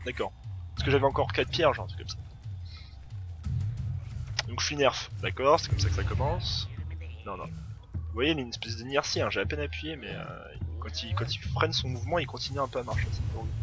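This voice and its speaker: A man giving casual let's play commentary, chatty and thinking aloud, laughing often. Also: mid-range voice. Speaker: gameplay commentator.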